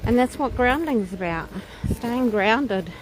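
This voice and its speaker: Expressive and fairly high-pitched, she takes her time as she leads a nature walk, offering casual, musing commentary with cries of wonder. She's a vlogger outdoors on a wooded walking trail, and the low-quality recording carries birdsong and ambient outdoor sound.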